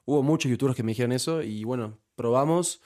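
Speaking quickly in a medium-pitched, somewhat dark voice, a young Uruguayan man guests on a casual podcast interview as a YouTuber. His Uruguayan Spanish accent comes through, and his speech is full of restarts and fillers.

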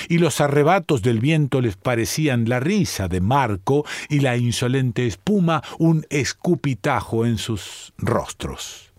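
A man narrating a literary story aloud in a measured, deliberate way. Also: medium pitch, no echo, clean studio sound. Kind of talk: audiobook story reading.

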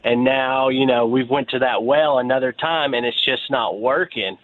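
Man calling in over the phone, mid-pitched, earnest and a bit halting, on a lo-fi phone line. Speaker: caller. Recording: tinny phone line with faint noise.

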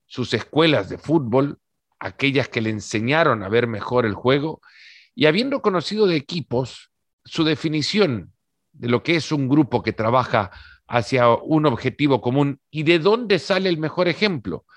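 Measured male podcast host, dry sound. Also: mid-range voice, animated, no echo. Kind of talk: podcast interview, scripted intro then casual chat.

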